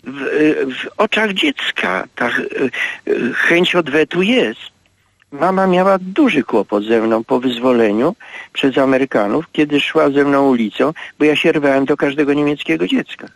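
Gravelly-voiced priest in his eighties. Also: a little high, dry recording, rough recording. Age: 80s. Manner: slow, reflective, halting. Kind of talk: radio interview recollection. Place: radio studio.

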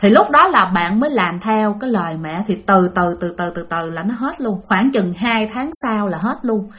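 A woman's voice: mid-range voice, animated, moderate pace, fairly bright tone. A woman telling a listener's ghost story, acting out the quoted voices as she goes. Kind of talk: spoken ghost-story narration.

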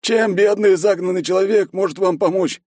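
Cagey village headman, middle-aged warrior, folksy and wheedling, pitched up high, as a male reader puts him on. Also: moderate pace, darkish tone, no room sound, studio quality. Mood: sly.

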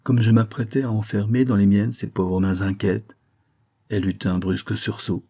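A man narrating a literary story aloud in a measured, even manner. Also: fairly low pitch. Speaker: audiobook narrator. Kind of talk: scripted narration.

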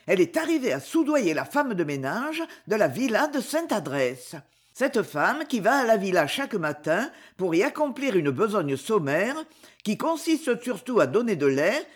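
Reader voicing a grim young woman doctor for an audiobook, slightly husky and lively in pitch. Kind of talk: audiobook dialogue.

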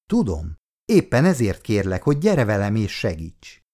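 A man's voice: lowish voice, huge pitch swings, a little mellow. A male reader voicing an evasive young man who placates his mother. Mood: earnest. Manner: placating, sheepish.

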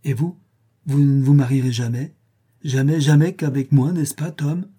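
A man's voice: mid-range voice, steady tone, moderate pace, dark tone, breathy edge, pitched above the performer's own voice, natural voice. A man voicing a little schoolgirl, lifting his voice to sound young and earnest. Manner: raised girlish voice, earnest. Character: little girl, shy then easily hurt.

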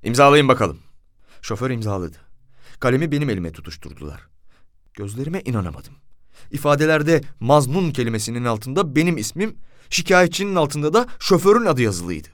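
Brief: male audiobook narrator, lively pitch, close and dry, first-person storytelling. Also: fairly quick, no room sound. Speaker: audiobook reader.

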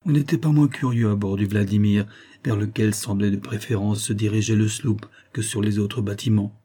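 Male audiobook narrator, dark husky voice, steady storytelling read. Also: lowish voice, normal speed. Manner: even, storytelling.

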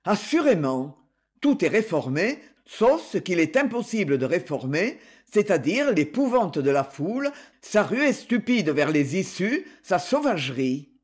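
A man's voice: sits high, very animated, measured pace, breathy edge, heavily acted. A man reading the part of an injured, bedridden husband who talks in a dry, clipped, coldly reasoning way. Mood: grim.

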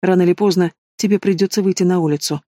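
A man voicing a domineering, possessive mobster in an audiobook, speaking low and mocking. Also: steady tone, quick pace, mellow, no room sound, studio quality. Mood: menacing.

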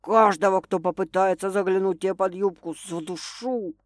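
A woman's voice: medium pitch, fairly even intonation, moderate pace, no echo, studio quality, natural voice. Woman putting on a growling possessive boss. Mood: menacing possessive. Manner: growling, snapping, hissing threats. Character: domineering possessive drunk male boss.

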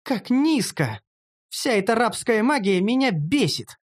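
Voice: medium pitch, big pitch swings, moderate pace, voice pushed up. A narrator voicing a bold, mocking young female elf in an audiobook, talking brashly and teasingly. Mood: indignant. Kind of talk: audiobook character voice.

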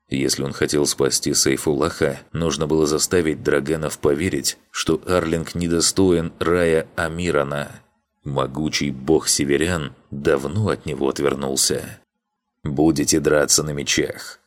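Мужчина спокойно и размеренно читает вслух художественную книгу как диктор аудиокниги. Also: male voice, extremely low pitch. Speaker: audiobook narrator. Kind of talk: scripted audiobook narration.

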